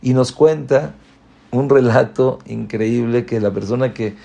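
A man gives a religious lecture full of stories. His voice is dark and mellow, and he speaks at an unhurried pace. His pitch jumps up for quoted questions, and he turns quiet and low for the main points. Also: gravelly. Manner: lively storyteller, rising to a high pitch for quoted questions; drops to a quiet, low voice for punch lines. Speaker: Torah teacher.

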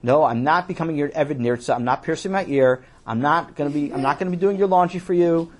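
A man voicing a patient, apologetic older schoolboy brother who talks quickly and a bit flustered. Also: fairly high pitch, natural voice. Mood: exasperated. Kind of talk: children's audio story.

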